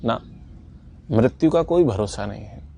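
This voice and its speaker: A man's voice: mid-range voice, lively intonation, unhurried, vocal fry, dark tone. A man teaching a scripture class in an earnest, sermon-like way, repeating his points for emphasis. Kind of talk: sermon-like lesson.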